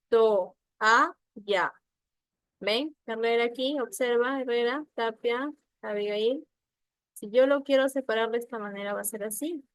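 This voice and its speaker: A woman teaching a primary school spelling lesson online, patient and slow, often checking that the students follow and sounding out words syllable by syllable. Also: a little high, no room sound. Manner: slow, patient, checks understanding with frequent questions. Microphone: computer mic on a video call.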